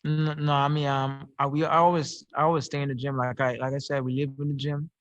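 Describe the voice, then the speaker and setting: A young Barbadian man answering reporters over a video call, his speech flat and even in pitch. He hesitates and repeats words as he works out each answer. The audio is dry and a little dull, like a home setup. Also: no room sound. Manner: halting, repeats words as he searches for them. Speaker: professional boxer. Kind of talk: press call interview answers.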